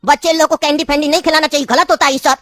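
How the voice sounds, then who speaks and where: A woman's voice: high voice, fairly even intonation, rapid-fire, a bit bright, dry recording. A woman voicing a talkative, scheming old grandfather in a cartoon, telling long rambling stories. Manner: long rambling storytelling, insistent.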